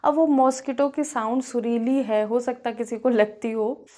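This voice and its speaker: A woman teacher with a Kanpur Hindi accent, giving a classroom physics lesson and explaining step by step, repeating key words and pausing on fillers. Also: fairly high pitch, steady tone, mellow. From India.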